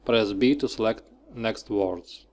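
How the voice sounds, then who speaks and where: Working from a script, a man narrates a software tutorial in a mid-pitched voice, taking it slowly. He moves step by step through short, clipped instructions.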